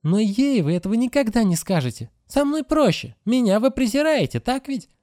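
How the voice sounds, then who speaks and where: A defiant teenage girl, as a male narrator puts her on, her voice raised high with lively swings in pitch. She answers back boldly and insolently. The sound is dry and close, like a home-made audiobook. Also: normal speed, no echo.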